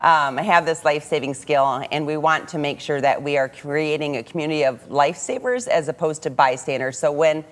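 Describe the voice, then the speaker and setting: A woman's voice: low voice, brisk, hardly any pauses. A woman with an American accent speaking as a guest educator, explaining and demonstrating on live television.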